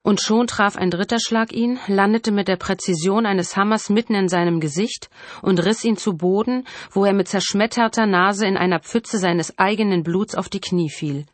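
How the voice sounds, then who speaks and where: A woman reading a first-person thriller audiobook in a measured, dramatic narrating manner. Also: mid-range voice, no echo.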